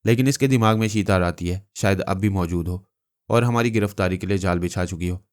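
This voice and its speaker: A man reading a novel aloud, voicing a calm, cautious male leader who speaks in a measured way. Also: sits low, close to an everyday voice.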